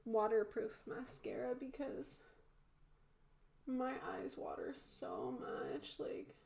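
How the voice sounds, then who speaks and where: Female makeup vlogger, stuffy-nosed and creaky, informal and candid, recorded in a roomy space. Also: a little high, wildly swooping pitch, takes it slowly, a little mellow. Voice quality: congested, blocked-nose sound. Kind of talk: casual chatty makeup tutorial. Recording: roomy echo.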